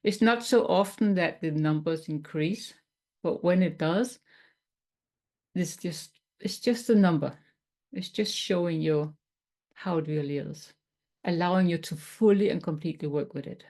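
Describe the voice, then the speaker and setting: This tapping coach is a woman from Denmark who speaks with a Danish accent and some non-native phrasing. She explains tapping gently in a webinar, her voice lowish and a little slow.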